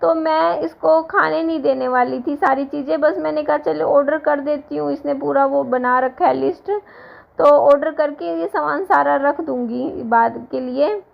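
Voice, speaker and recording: A woman in her thirties, hoarse from a sore throat, rambling casually to her viewers in a home vlog. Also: high voice, muffled recording. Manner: rambling, restarts often, talks to viewers directly. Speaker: vlogger.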